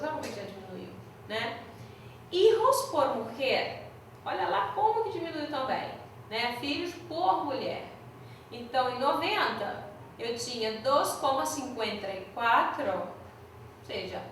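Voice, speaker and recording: A Brazilian woman teaching a class, explaining patiently and drilling pronunciation slowly. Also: high voice, fairly bright tone, a little hiss or hum. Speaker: Spanish teacher. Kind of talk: recorded online class. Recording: very echoey room, mic at a distance.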